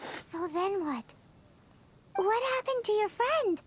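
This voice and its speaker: A woman voicing a tiny, excitable, childlike fairy companion in a video game, squeaky and exaggerated in delivery. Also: slow pace, heavily acted. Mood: curious. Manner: speaks of herself in third person, exaggerated. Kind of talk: English game voice acting. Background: music.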